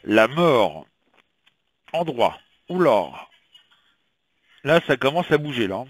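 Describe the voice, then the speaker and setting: Fighting a slight cold and coughing, a tarot reader from France talks through his casual weekly prediction vlog, chatting and rambling with lots of fillers. He has a medium-pitched, very animated voice, speaks slowly, and the recording is dry.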